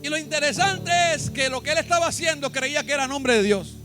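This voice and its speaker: High-voiced Puerto Rican pastor preaching. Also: male voice, animated, brisk, sharp tone, faint music behind. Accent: Puerto Rican Spanish. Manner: emphatic preaching, repeats points, asks the congregation to respond. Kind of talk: sermon. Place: church.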